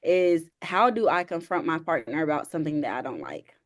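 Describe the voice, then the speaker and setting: A female therapist and counselor with a low-sitting voice offers calm, measured advice, walking through it step by step in conversation.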